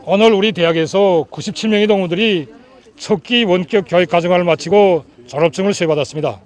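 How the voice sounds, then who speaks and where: A man's voice: high-pitched, fairly quick. A middle-aged man with a North Korean accent giving a formal address to graduates as a college official.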